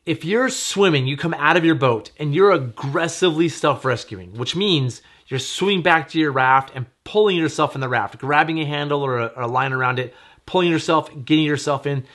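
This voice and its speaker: Opinionated man talking gear, slightly high voice. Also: a bit bright. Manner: opinionated, thinks aloud with restarts. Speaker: host of a gear show. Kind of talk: casual explanatory talk.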